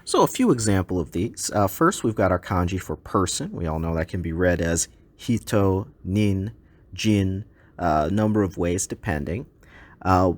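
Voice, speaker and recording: A low-pitched man, a native English speaker, teaches a recorded slide lesson in a relaxed manner, often filling pauses with ums and uhs.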